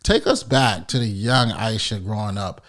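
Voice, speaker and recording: A man's voice: fairly low pitch, normal speed, fairly bright tone. Hype, casual male podcast host. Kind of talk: podcast interview.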